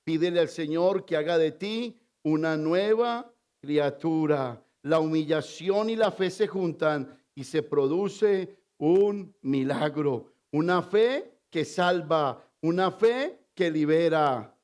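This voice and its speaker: A man preaches in a fairly high voice, taking his time over each phrase. He delivers a sermon with strong emphasis. He pauses often to put questions to his congregation. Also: animated, a little mellow. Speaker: pastor.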